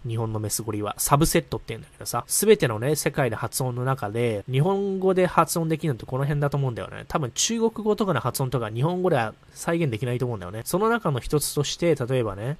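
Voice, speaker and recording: A middle-aged man giving a blunt, slangy monologue, stringing ideas together with repeated "equals" chains. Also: mid-range voice. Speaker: commentator. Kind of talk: casual monologue on culture and values.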